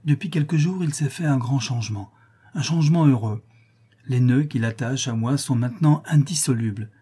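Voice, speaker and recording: A man voicing a passionate, impulsive young countess, pleading and effusive, his voice lifted higher. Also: moderate pace, mellow, husky.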